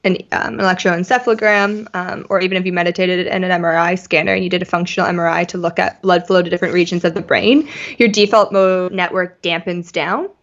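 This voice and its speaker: A woman's voice: on the low side, brisk, hardly any pauses, lo-fi sound. A woman, a neuroscientist guest in a casual interview, talking animatedly and laughing often. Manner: animated, laughs often, acts out quoted thoughts.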